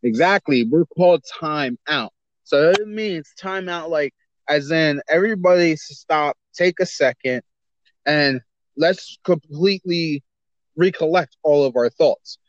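A man co-hosting a casual podcast, talking in loose, slangy, animated banter. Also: fairly high pitch, measured pace, no echo, dull audio. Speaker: podcast co-host. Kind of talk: casual chat.

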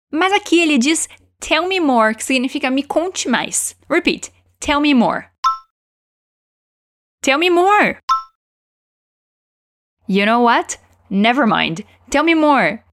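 A woman teaching English, encouraging learners and slowing down to model each phrase for them to repeat. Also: high-pitched. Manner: encouraging, slows down to model pronunciation. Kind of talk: language lesson with repeat-after-me drills.

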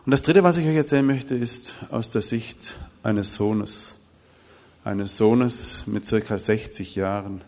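Middle-aged male preacher, animated storyteller who acts out dialogue, recorded in a reverberant hall. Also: fairly low pitch, measured pace. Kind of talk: sermon with told stories.

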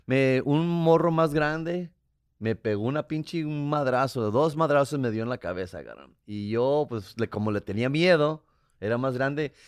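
A man's voice: mid-range voice, normal speed, smooth, dry recording, clean studio sound. Man telling stories with slang. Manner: crude slang, animated anecdote telling. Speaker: comedian co-host. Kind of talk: casual podcast storytelling.

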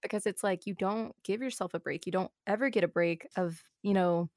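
A guest streamer, a young woman in her early twenties, chats casually in a fast, earnest way packed with fillers. Her voice is medium-pitched with a darkish tone, captured as clean studio sound with no echo.

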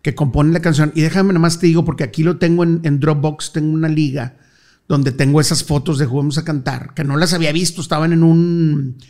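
A middle-aged man with a Monterrey accent, a guest telling stories in an animated, slangy way and laughing easily. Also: on the high side, fairly quick. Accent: northern Mexican, Monterrey. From Monterrey, Mexico. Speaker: interview guest. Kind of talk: casual storytelling interview.

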